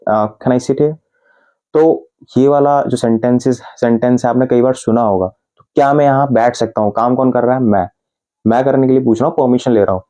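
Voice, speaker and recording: Male English teacher, relaxed warm tone, casual step-by-step explainer. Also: mid-range voice, poor audio. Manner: explains step by step, switches between Hindi and English. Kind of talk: casual Hindi-English grammar lesson.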